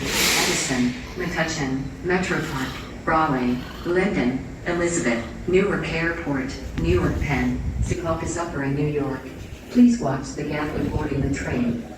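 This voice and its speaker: Low-voiced woman over a station intercom. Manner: measured, listing stops one by one. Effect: over the station intercom loudspeakers. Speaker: station announcer. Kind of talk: public address train announcements. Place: outdoor train station platform. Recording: echoey loudspeaker heard from far off, loud train noise.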